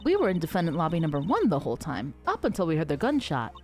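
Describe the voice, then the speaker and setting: A woman's voice: deep voice, huge pitch swings, fast talker, a little mellow, soft background music. A woman voicing a cheerful, mocking young woman who giggles and teases while reading a game aloud. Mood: breezy. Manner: giggly, teasing.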